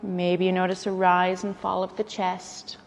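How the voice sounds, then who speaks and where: A yoga nidra instructor leads a relaxation practice at a very slow pace, using gentle, soothing phrasing and pausing between instructions. Her medium-pitched voice is monotone with vocal fry. It rings in a long reverb over faint background noise.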